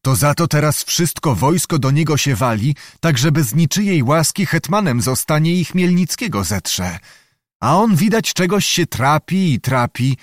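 A man's voice: a little high, lively intonation, normal speed, dry recording, clean studio sound, voice pushed up. A man voicing an earnest, devoted young knight in an audiobook, respectful and heartfelt. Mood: puzzled earnest.

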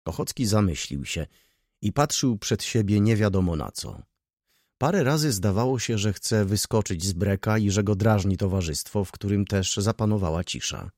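A man narrating an audiobook chapter with an expressive, measured reading. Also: fairly low pitch, no room sound, clean studio sound. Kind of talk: scripted narration.

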